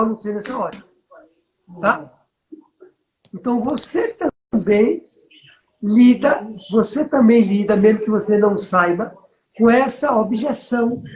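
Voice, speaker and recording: A middle-aged man from Bahia, Brazil, speaks with a Northeastern Brazilian accent in a fairly high voice, recorded roughly in an echoey room. He talks like a business mentor in a casual coaching chat, telling stories and checking that the listener agrees and follows along.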